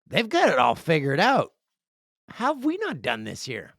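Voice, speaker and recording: This man's gravelly voice is on the high side, moving at a moderate pace, and the studio-quality recording has no echo. As a podcast host in a casual chat indoors, in a room with a video setup, he reads listener emails and tells jokey, rambling stories with animated flair.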